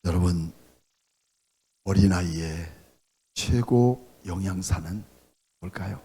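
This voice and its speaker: A middle-aged male pastor preaching a sermon. He fires rhetorical questions at the congregation, swinging between loud bursts and quiet drops. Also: low-pitched, slow pace, slightly rough.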